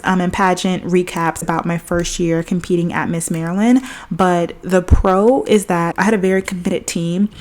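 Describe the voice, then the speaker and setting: Chatty young woman podcaster, lowish voice. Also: a little mellow. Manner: chatty, reflective, heavy use of "like". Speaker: podcast host. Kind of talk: casual solo podcast storytelling.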